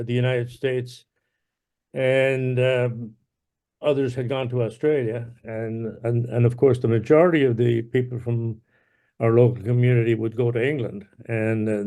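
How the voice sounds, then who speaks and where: An older man from Ireland, telling his life story in an interview, unhurried, with many fillers and restarts. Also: medium pitch, dark tone, smooth. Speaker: interviewee, veteran. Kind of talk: casual oral history interview.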